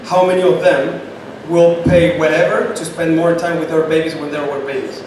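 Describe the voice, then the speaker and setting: A man's voice: on the high side, steady tone, normal speed, a little mellow. A man with a Chilean Spanish accent, speaking as a guest at a startup event, answering questions emphatically and repeating points for stress. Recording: echoey far-off room with noise.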